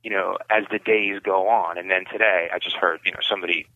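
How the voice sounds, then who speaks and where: Man on a prison payphone: lowish voice, rambling casual update, dry phone-line sound. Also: steady tone, quick pace, no room sound. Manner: rambling, full of "you know" and "like". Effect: payphone call from prison. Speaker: incarcerated writer calling in.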